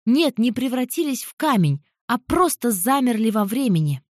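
Expressive young woman reading a fantasy audiobook. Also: on the high side, moderate pace, no echo, studio quality. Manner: expressive, emotional storytelling. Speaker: audiobook narrator. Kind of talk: first-person fantasy audiobook narration.

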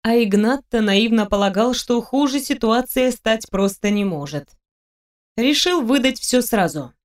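A woman's voice: a little high, expressive, a little slow. Woman narrating an audiobook. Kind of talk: scripted narration.

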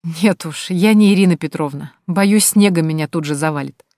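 A woman reading the part of a warm, easily flustered woman who is shy and full of wonder. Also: lowish voice, normal speed, no echo, studio quality, natural voice.

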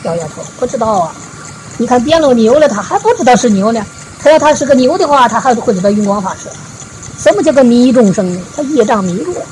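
A woman's voice: fairly high pitch, lively intonation, darkish tone, slight background noise, rough recording. Woman telling a Buddhist parable. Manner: folksy retelling, frequent drawn-out 啊 particles. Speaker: Buddhist dharma teacher. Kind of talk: storytelling sermon.

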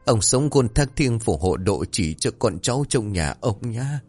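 A man's voice: fairly low pitch, very animated, unhurried, a little mellow, slightly rough, soft background music, heavily acted. A man voicing a frail elderly widow who speaks in a tearful whisper. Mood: grieving.

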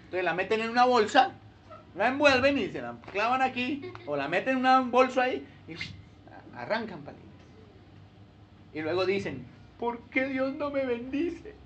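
A man's voice: high voice, moderate pace, a little hiss or hum. A male pastor, preaching a sermon and acting out churchgoers in playful voices. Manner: animated, acts out churchgoers in funny voices.

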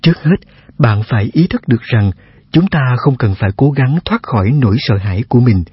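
A man reads a self-help text aloud, his voice very husky and breathy, steady and measured, putting rhetorical questions to the listener. The sound is dry and close, and a little dull and lo-fi. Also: medium pitch, dry recording. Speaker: narrator. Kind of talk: scripted self-help narration.

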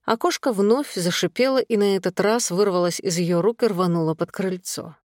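A woman narrating a novel in an even, measured way, with a mid-pitched voice for a woman. The sound is dry and close, with no room around it. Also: no echo. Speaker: audiobook narrator. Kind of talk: scripted narration.

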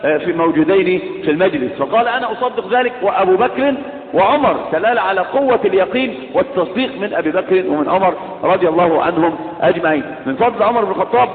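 A man's voice: sits high, lively intonation, rapid-fire, few pauses. A man with an Egyptian accent giving a religious lesson to students, questioning the class and mixing classical with colloquial Arabic. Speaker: religious teacher. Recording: echoey hall, tinny lo-fi sound.

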